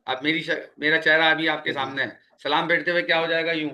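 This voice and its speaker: Bright-voiced man teaching tajweed patiently. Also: a little high, little pitch movement. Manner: patient, repeats key words slowly. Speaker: Quran recitation teacher. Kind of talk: spoken tajweed lesson.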